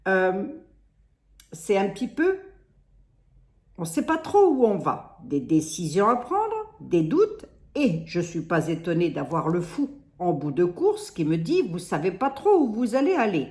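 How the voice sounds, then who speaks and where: A woman with a Lorraine French accent gives a casual tarot card reading, rambling and hesitant, full of restarts and "hein." Her fairly low, darkish voice moves slowly with huge pitch swings, and the sound is roomy.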